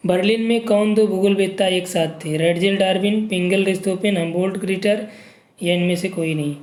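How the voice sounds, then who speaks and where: A man's voice: sits high, steady tone, normal speed, darkish tone, reverberant. A man teaching an exam-prep geography lesson, reading questions and options aloud and checking in with students. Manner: reads options aloud, frequent "ठीक" checks.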